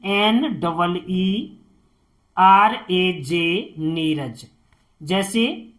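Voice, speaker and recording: Slow, patient woman teacher. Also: medium pitch. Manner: spells words out letter by letter, drawn out. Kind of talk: slow spelling lesson for beginners.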